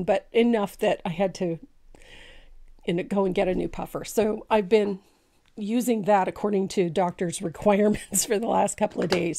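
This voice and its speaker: A woman in her sixties, a little congested and gravelly, hosting a live painting lesson in her home studio in a chatty way. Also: medium pitch. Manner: chatty, warm-hearted, laughs often, many ums. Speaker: painting teacher, live show host. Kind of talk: casual live painting tutorial. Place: home craft studio, indoors. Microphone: studio mic on boom arm.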